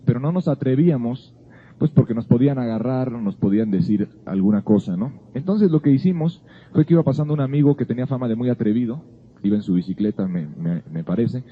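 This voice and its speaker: A man's voice: medium pitch, lively intonation, fast talker, slightly rough. A man giving an earnest Bible teaching, telling a personal story in a conversational way. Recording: phone-like narrow sound.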